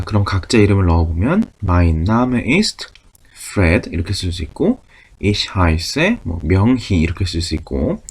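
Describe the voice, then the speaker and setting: Patient, husky-voiced male language teacher. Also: low-pitched, darkish tone. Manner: patient, explains step by step. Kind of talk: beginner language lesson.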